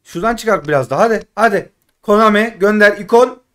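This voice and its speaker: A man doing casual live commentary while opening game packs, frustrated and pleading, swinging between loud outbursts and muttering. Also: sits high, lively intonation, a little fast. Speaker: gaming streamer.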